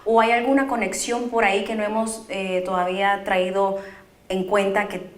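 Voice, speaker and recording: A woman hosting a talk show, asking curious, lively questions. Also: mid-range voice, moderate pace, roomy sound. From Guatemala.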